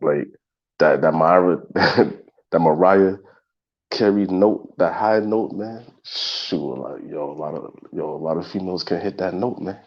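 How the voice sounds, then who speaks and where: Speaking unhurriedly in a low, slightly mellow voice that is gravelly, husky and congested, this podcast host in his thirties runs a casual solo talk show. He addresses listeners directly, loosely and repetitively, over a dull lo-fi recording.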